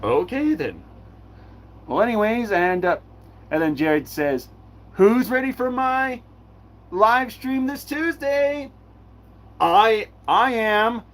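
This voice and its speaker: A man hosting a live stream Q&A, reading chat messages aloud and answering in a halting way, repeating himself often. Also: sits high, animated, fairly bright tone.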